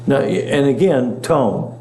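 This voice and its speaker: A man's voice: medium pitch, expressive, slow pace, darkish tone. A male pastor teaching a Bible class in a chatty way, often asking the class questions. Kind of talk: conversational Bible lesson. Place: church meeting room. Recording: echoey room, faint hum.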